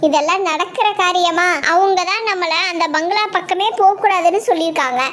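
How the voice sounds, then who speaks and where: A woman's voice: very high-pitched, fairly quick, fairly bright tone. A woman voicing Reni, a schoolgirl doll who scolds and teases her dreaming friend in a doll story. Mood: teasing. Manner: scolding, teasing, bossy.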